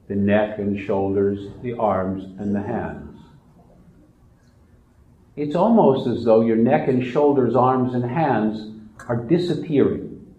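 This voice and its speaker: A man leading a guided relaxation meditation in a slow, soft, soothing manner. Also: medium pitch, roomy sound, muffled recording.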